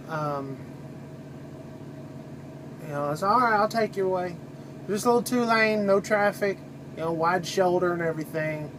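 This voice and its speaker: A middle-aged American truck driver rambles casually to his vlog, talking in a halting, conversational way. His pitch is fairly high, and background noise can be heard.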